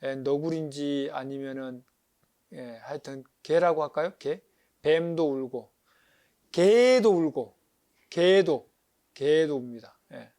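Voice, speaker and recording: A man, a Buddhist monk, giving a lively lecture on paintings, acting out sounds and asking his listeners questions. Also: fairly high pitch, slow pace, pauses often. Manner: animated, acts out crying animals, asks audience questions.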